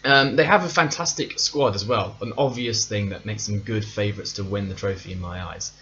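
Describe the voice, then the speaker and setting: A man's voice: lowish voice, fairly quick, sharp tone, muffled recording. A man hosting a casual solo cricket podcast, talking in a chatty, playful, self-mocking way. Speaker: podcast host.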